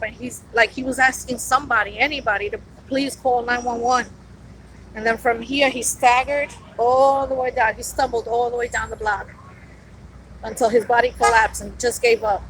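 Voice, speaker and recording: A woman's voice: on the high side, slight background noise, low-quality recording. Earnest woman pleading on a street. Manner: earnest, pleading, repeats herself. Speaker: vlogger. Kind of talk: on-location vlog address. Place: outdoors on a city street.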